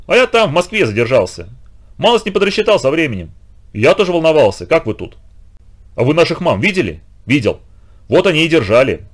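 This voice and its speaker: Reader doing a kindly, chatty grown-up man for a storybook, lively and reassuring. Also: on the high side, fairly quick, pitched above the performer's own voice. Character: kind grown-up man, calm leader of children.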